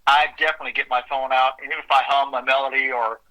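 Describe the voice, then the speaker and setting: A man's voice: mid-range voice, little pitch movement, rapid-fire, bright, forceful tone, poor audio. A middle-aged man, a songwriter, chatting earnestly and humbly as a guest in an interview. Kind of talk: casual interview chat.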